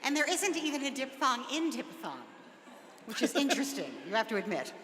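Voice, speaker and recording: A woman's voice: sits high, big pitch swings, a little fast, fairly bright tone, slight background noise. A woman, moderating a spelling bee with playful asides to the teams and the audience. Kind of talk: live event moderation. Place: large event hall with an audience. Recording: reverberant hall, faint crowd.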